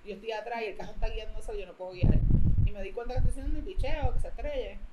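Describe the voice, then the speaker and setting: A woman's voice: a little high, rapid-fire. A woman chatting casually during a party game, teasing and swearing freely. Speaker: podcast co-host. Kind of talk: casual chat while playing a game. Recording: loud background noise.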